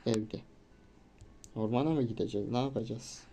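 A man playing a game while commenting casually and reading its dialogue aloud, getting loud and excited at tricky moments. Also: mid-range voice, normal speed, creaky, soft background music. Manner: reads game dialogue in a plain voice. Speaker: gamer.

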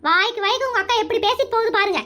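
Woman nagging her husband, super high bright voice. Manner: nagging, suspicious, quick-witted. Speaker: comedy creator playing the wife. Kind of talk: comedy skit acting.

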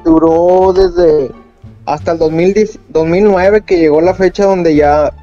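A man in his forties answers a call and explains things plainly and patiently. His voice comes through a dull, lo-fi phone line, and it sits a little high with a mellow tone. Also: fairly even intonation, unhurried, soft background music. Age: 40s. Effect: heard over a phone call. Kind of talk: casual phone conversation.

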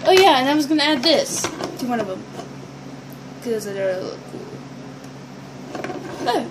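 Showing toy builds from a small indoor bedroom, a young teen vlogger chats to the camera in a high, sing-song voice at a moderate pace. Her talk is casual and meandering, captured by a built-in device mic at arm's length in noisy amateur webcam audio.

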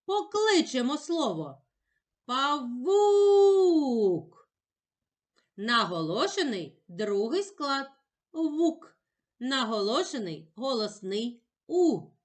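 A woman teacher giving a patient, encouraging lesson for young children, sounding words out slowly and carefully. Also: a little high, a bit bright. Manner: slow, carefully sounded-out speech.

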